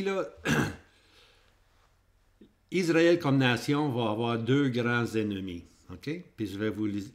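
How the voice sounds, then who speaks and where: A man with a Québécois French accent teaching a Bible prophecy lesson over maps, repeating points and checking in with the class. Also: medium pitch. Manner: repetitive, checks in with "hein?" and "ok?".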